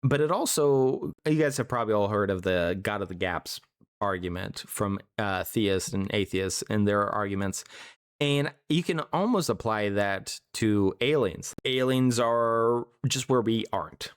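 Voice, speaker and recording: Smooth low-voiced man, dry close sound. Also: no echo. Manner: quick, reasoning aloud, self-deprecating. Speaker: podcast co-host. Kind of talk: casual podcast chat.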